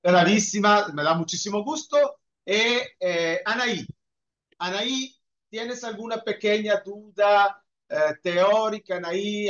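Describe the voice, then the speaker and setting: High-voiced man teaching online. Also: fairly bright tone. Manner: patient, encouraging, repeats praise. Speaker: Italian teacher. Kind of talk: online class Q&A. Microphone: video call. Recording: muffled video call audio.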